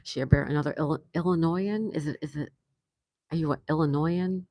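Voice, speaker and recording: Warm in tone, low and a little fast, this older New York woman hosts a livestream from an outdoor patio, casually reading viewers' messages aloud and laughing frequently. The audio is studio quality without echo.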